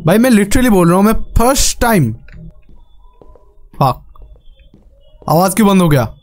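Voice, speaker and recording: A man's voice: high-pitched, big pitch swings, unhurried, darkish tone. A young man giving casual, jokey commentary on a horror game, often pleading with the game. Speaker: gaming YouTuber.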